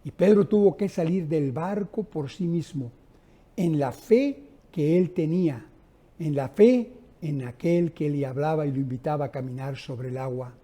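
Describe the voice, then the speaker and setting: At normal speed and in a slightly high voice, a man preaches an evening church sermon, passionately addressing the congregation as brethren. His volume swells and drops as he tells stories.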